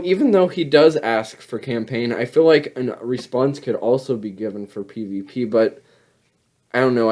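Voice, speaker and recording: A man's voice: mid-range voice, darkish tone. Easygoing man hosting a gaming podcast. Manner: easygoing, reads listener questions. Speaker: podcast host. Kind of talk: casual podcast chat.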